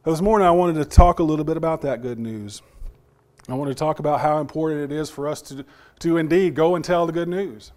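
Preaching to his congregation, a man speaks haltingly, repeats words, and poses questions to his listeners while his partly lost voice continues to recover. The voice sits on the high side and has a darkish tone.

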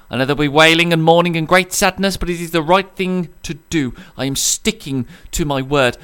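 A man's voice: a little high, a bit bright, clean tone. A man with a Brummie accent, a radio host giving a pompous, self-mocking mock press conference speech.

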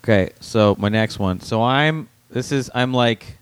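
A man tells his stories in a blunt, clipped present tense, dropping the odd swear word. His voice sits at a middle pitch, and it is recorded close and dry. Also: a little slow, clear, resonant tone, no echo. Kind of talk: casual chat.

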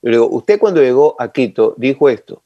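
An older man, telling long animated stories as an interview guest. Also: mid-range voice, brisk, no echo, dull audio. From Ecuador. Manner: animated, rambling reminiscence with sound effects. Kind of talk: casual storytelling interview.

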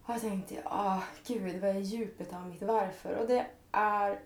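A woman's voice: medium pitch, fairly even intonation. Earnest woman in an echoey room. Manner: earnest, heartfelt, speaks in long flowing thoughts. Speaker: podcast guest. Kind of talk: reflective personal conversation.

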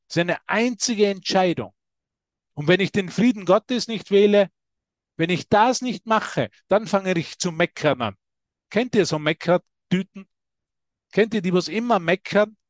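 A man giving a lively spiritual talk to a group, preaching and calling listeners by name. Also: sits high, dry recording, studio quality. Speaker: spiritual teacher.

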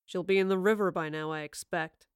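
A woman's voice: lowish voice, steady tone, clear, resonant tone, no echo, studio quality, natural voice. A woman doing a gloating, purring male villain. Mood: cold. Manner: slow, purring, gloating taunts. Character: taunting cruel male villain, sly and gloating.

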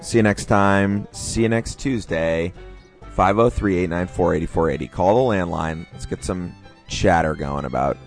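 Male podcast host, low register, casual chat over faint guitar music. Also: gravelly.

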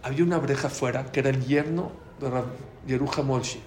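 A man with a Mexican accent telling a story in a talk, acting out the dialogue with lively changes of voice. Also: mid-range voice, fast talker, slight background noise. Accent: Mexican Spanish. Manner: animated, acts out quoted dialogue. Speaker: speaker giving a talk. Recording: echoey room.

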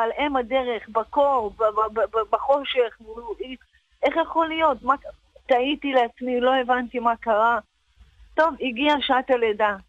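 Woman guest, emotional testimony, animated and repetitive, dull dry radio audio. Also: fairly high pitch, no echo. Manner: animated, repeats words for emphasis.

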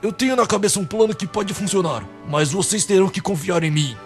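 A man playing an earnest old Santa Claus in an amateur radio drama, with formal, measured speech and a Brazilian accent. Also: high-pitched, soft background music. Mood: solemn.

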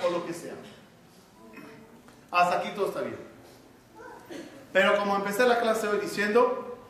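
High-voiced rabbi teaching in an echoey hall. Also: male voice, fairly bright tone. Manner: questions the audience and answers himself. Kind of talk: religious class to a live audience. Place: large hall with an audience. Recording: very echoey hall, mic far off.

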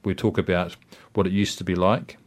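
A man with a distinctly deep voice and a New Zealand accent talks as a guest in a casual interview. He feels his way through each thought, rambling and reflective, often restarting and padding with small filler phrases. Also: little pitch movement, a little fast. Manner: hesitant, rambling, reflective, with frequent "you know" and "I mean".

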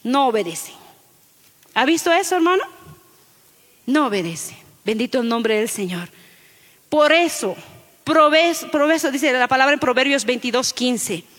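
A woman pastor giving an animated sermon to her congregation, calling listeners "brother" and acting out children's lines. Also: sits high, unhurried, long pauses, big-room sound. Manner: animated, acts out children's voices in quotes, addresses listeners as brother.

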